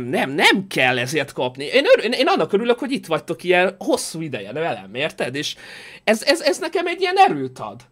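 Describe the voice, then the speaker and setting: High-voiced, animated male game streamer. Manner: animated, jokey, reads and thanks donations. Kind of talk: casual live-stream chat.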